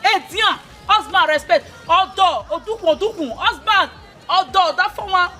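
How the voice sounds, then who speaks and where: A stern traditional elder with an Edo Nigerian accent, lecturing in insistent, repetitive pidgin. Her voice sits very high and sounds bright and sharp. She speaks as a middle-aged woman in a Nollywood film. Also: moderate pace, a faint crowd. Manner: mixes pidgin and local words, insistent and repetitive. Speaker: elder advising a young wife.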